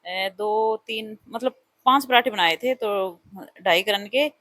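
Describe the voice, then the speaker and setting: A woman's voice: medium pitch, slow pace, pushed and bright, no echo. Chatty woman narrating her cooking. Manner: chatty, self-mocking, talks directly to viewers. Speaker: vlogger, parlour owner and mother. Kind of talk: casual cooking vlog voice-over.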